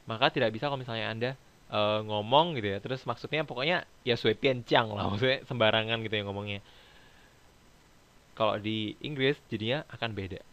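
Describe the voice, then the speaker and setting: A man's voice: lowish voice, fairly quick, a bit bright. A man teaching English grammar in a casual lecture, explaining step by step and acting out short example dialogues. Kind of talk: online class lecture.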